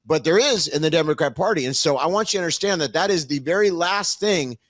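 A man's voice: fairly high pitch, lively intonation, quick pace, fairly bright tone, no room sound. Earnest male co-host, dry sound. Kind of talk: casual political commentary.

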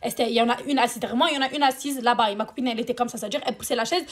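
Fast-talking young-sounding woman ranting. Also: on the high side. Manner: animated, crude slang and swearing; exasperated ranting asides. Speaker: storytime vlogger. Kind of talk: storytime chat to camera.

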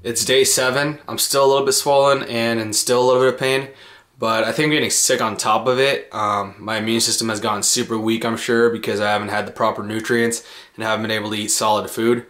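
A man's voice: fairly low pitch, flat delivery, fairly quick, a bit bright. A man in his twenties giving a casual diary update, his mouth slightly swollen after wisdom teeth removal. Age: 20s. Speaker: vlogger. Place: parked car, driveway and bedroom. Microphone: handheld camera at arm's length.

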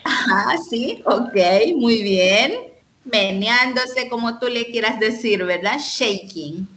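A woman teaching an online English lesson, explaining slowly and patiently and often checking in with "ok?". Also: a little high, animated, fairly bright tone, slight background noise. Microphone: computer mic on a video call.

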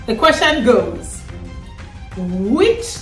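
A vlogger mom from Cameroon, in her thirties, teases her family through a casual at-home quiz. Her voice sits on the high side, very animated and extremely slow. The living room echoes, the camera is distant, and faint music plays.

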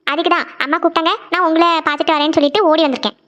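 A woman's voice: very high-pitched, steady tone, racing, fairly bright tone. A woman voicing a cheeky, playful young girl in a cartoon, teasing and giggly. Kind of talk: cartoon voice acting.

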